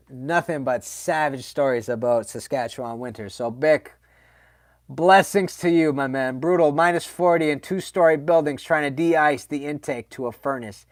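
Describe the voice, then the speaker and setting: A man runs a relaxed livestream, answering viewers in a loose, slangy way full of fillers and asides. His voice sits at an ordinary middle pitch. The sound is dry, with no room echo. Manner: chatty and animated, with slangy asides and frequent fillers. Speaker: livestream host answering chat questions. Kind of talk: casual livestream chat.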